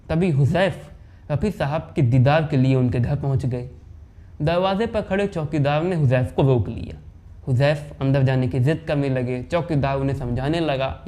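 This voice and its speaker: Mellow man telling a dramatic story. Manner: dramatic, voices quoted characters with pitch swings. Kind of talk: anecdote narration with acted dialogue.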